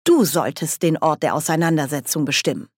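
A woman reading an audiobook, voicing a bawdy, cheerful old witch in a loud, hearty, raised voice. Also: low-pitched, brisk, breathy edge, dry recording, clean studio sound. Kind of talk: audiobook character voice.

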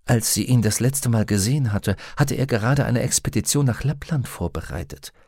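Brief: man narrating an audiobook, measured and steady, gravelly, dry recording. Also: medium pitch, no echo. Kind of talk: scripted narration.

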